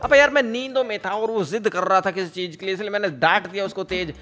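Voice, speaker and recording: A young man doing role-play commentary over his game, talking fast and emotionally to his viewers. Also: high voice, bright, forceful tone, soft background music. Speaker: gaming video creator.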